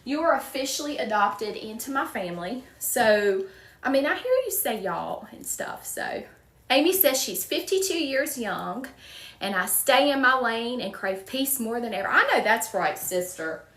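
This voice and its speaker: Expressive and on the high side, her slightly bright voice moves at a moderate pace and sounds reverberant, recorded from afar. She's a Southern woman in her forties from small-town Virginia, crafting wreaths live and greeting viewers by name as she chats.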